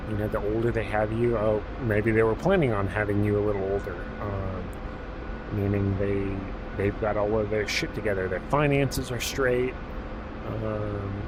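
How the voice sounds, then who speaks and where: A man in his thirties from Alaska, chatting in a relaxed, rambling way with many fillers while streaming a game. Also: lowish voice, normal speed, noisy background. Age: 30s. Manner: rambling, laid-back, many fillers and restarts. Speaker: gaming streamer. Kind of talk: casual live-stream chat while playing.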